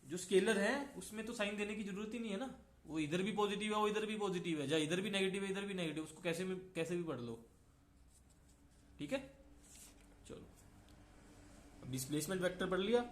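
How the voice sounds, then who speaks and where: A man's voice: high voice, fairly quick, pauses often, roomy sound. A man teaching a physics lecture. He goes step by step and keeps checking in with his listeners. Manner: explains step by step, often checks in with "है ना". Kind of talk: classroom lecture mixing Hindi and English.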